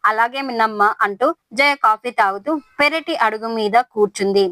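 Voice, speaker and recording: A woman narrating a serialized family story in a steady, measured way, recorded close to the mic. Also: fairly high pitch, no echo.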